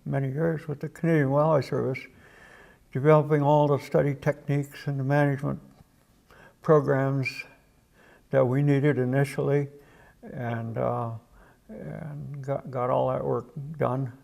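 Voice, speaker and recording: An older man, a wildlife biologist, telling stories in a documentary interview, reminiscing with halting restarts and chuckles. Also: mid-range voice, little pitch movement, creaky, a little mellow.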